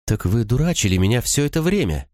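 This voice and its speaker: A man voicing a wary, hurt young woman in an audiobook, talking softly and pleadingly. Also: fairly low pitch, big pitch swings, moderate pace, dry recording, clean studio sound, pitched above the performer's own voice. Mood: startled. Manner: soft, pleading.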